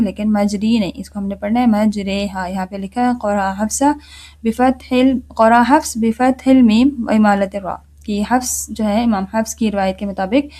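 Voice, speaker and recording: A woman teaching a recitation lesson, asking herself questions and answering them, and repeating key words slowly for the listener. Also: medium pitch, warm tone. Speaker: tajweed teacher. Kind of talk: explanatory lesson with repetition.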